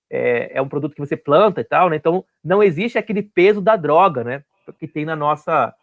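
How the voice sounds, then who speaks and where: A man's voice: on the high side, phone-quality sound. A man teaching an online class, explaining step by step and often checking that his students follow.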